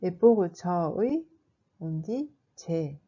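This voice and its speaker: Slow, mellow-voiced woman teaching a lesson. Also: on the low side, big pitch swings, muffled recording. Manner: slow, careful explanation with spelled-out examples. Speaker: language teacher. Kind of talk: scripted lesson narration.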